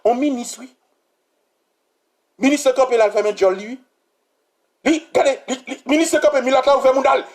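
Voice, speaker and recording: A Haitian-accented man delivers a heated political rant, circling back over the same phrases again and again. His voice sits unusually high for a man and breaks into shouting when he gets worked up. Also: a little fast. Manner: heated, repetitive, bursts into shouting. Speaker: political commentator. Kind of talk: impassioned political commentary vlog.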